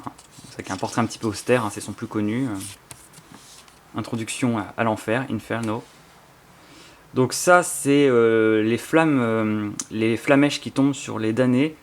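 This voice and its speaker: A man's voice: medium pitch, a little slow, slight background noise. A man with a French accent chatting casually and enthusiastically as he unboxes and leafs through a book, rambling with many fillers and restarts. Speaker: YouTuber presenting his book collection. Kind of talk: casual spontaneous unboxing chat.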